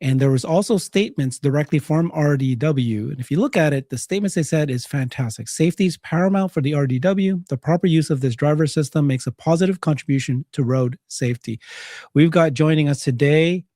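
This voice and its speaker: A man's voice: fairly high pitch, brisk, mellow, dry recording, studio quality. A man hosting a live talk show, giving breaking-news commentary.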